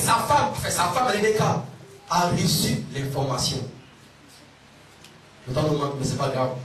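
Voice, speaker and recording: High-voiced preacher in an echoey church. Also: male voice. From Ivory Coast. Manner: emphatic preaching with call-and-response questions, sometimes sing-song. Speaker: pastor. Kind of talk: sermon. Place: large church hall. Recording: echoey, distant church sound with music. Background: music.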